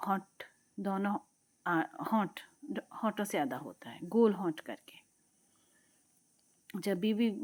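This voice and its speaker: A woman teaching Quran pronunciation, explaining patiently and slowly modelling each letter sound, sometimes dropping to a soft whisper. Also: fairly high pitch. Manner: drops to a soft whisper at times. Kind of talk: tajweed lesson.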